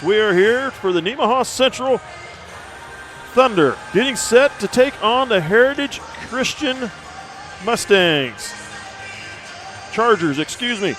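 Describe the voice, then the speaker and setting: A man giving live volleyball commentary as a play-by-play announcer. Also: sits high. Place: indoor sports arena, courtside. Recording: loud gym crowd and music behind. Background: crowd, music, bouncing balls.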